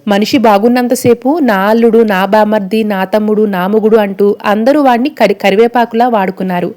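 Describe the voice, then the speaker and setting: A woman's voice: medium pitch, steady tone, brisk, natural voice. A woman reading out a scolding bitter grandmother. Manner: sharp, scolding. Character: scolding older grandmother, sharp-tongued and bitter. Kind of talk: read-out dialogue in a serial recap.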